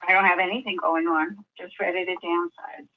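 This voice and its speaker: An older woman selling her house over the phone, answering plainly and slowly and often asking the caller to repeat himself. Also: on the low side, steady tone. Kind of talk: phone conversation. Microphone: phone call. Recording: dull lo-fi phone line.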